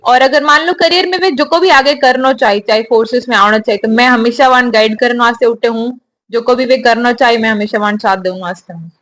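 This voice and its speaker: A young woman with a bright, high voice answers interview questions. She speaks in a steady, earnest way and gives advice. Her tone is sincere and unhurried. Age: young adult. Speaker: newly commissioned army officer, interviewee.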